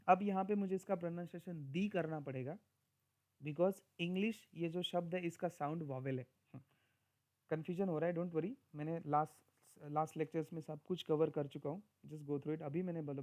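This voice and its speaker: A man teaching grammar in a recorded lecture, explaining step by step, speaking example sentences slowly and often checking in with his listeners. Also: fairly high pitch, a little mellow. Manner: mixes Hindi and Marathi with English.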